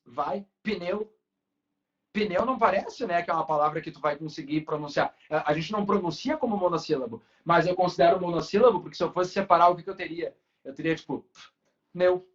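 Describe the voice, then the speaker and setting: Casual high-voiced teacher, lo-fi. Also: male voice. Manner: casual, talks to students with frequent tag questions. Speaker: Portuguese teacher. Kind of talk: online class lecture. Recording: dull lo-fi recording.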